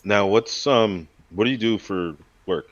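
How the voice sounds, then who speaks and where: A man asking questions in a relaxed, joking way while eating. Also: fairly low pitch, unhurried, muffled recording. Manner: easygoing, joking, eats while talking. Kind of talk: casual chat.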